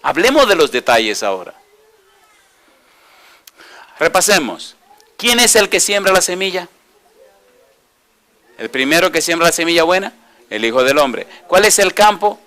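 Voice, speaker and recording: Bright-voiced pastor preaching. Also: male voice, a little high, very animated. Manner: asks the audience questions and answers them himself; reads scripture slowly and deliberately. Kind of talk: sermon.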